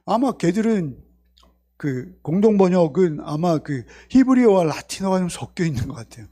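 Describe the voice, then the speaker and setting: Brief: earnest male pastor, high voice, repeats key words and asks rhetorical questions in a church sermon. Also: very animated, normal speed, warm tone. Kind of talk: Sunday sermon.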